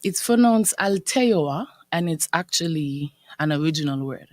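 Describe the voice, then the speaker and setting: A woman's voice: sits low, lively intonation, moderate pace, a little mellow, no echo. Upbeat young woman, dry close sound. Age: young adult. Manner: articulate, laughs often, upbeat. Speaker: guest, business owner. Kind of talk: radio interview. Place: radio studio.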